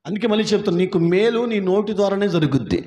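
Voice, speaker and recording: A man's voice: high voice, animated, very fast. A male pastor with an Andhra Telugu accent, preaching a sermon and calling on the congregation to repeat after him. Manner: calls on the congregation to repeat, rising to shouts.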